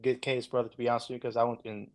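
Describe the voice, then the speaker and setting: A man's voice: mid-range voice, little pitch movement, racing. A man with an Arabic accent calling in and telling his account casually, politely and hesitantly, often repeating himself. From Saudi Arabia. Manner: hesitant, repetitive, polite, addressing listener as brother. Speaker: caller.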